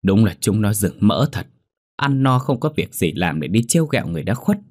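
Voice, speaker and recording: A man's voice: sing-song, a little mellow, husky, no room sound, clean studio sound. A man doing a scolding village mother. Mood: lamenting. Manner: shrill, scolding, fast. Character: scolding, wailing middle-aged mother.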